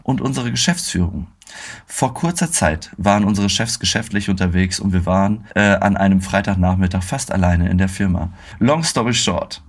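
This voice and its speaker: Husky young guy on a chatty podcast, slangy and hyped, lowish voice. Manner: slangy, excitable storytelling with bursts of laughter. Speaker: podcast co-host. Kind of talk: casual chat.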